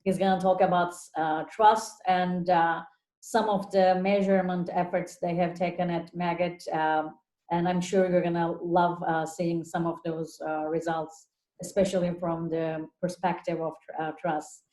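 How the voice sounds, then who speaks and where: Turkish-raised woman hosting a zoom webinar, kinda low and soft, lots of uhs, roomy echo on the call. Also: level tone, unhurried. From Turkey. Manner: hesitant, frequent fillers. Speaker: webinar moderator. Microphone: video call.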